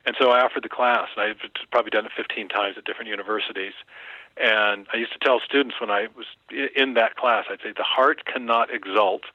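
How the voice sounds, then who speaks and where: A man speaking as an interview guest, in a measured, professorial storytelling manner. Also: fairly low pitch, fairly even intonation, dry recording, highs cut off. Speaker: guest author. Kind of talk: interview conversation.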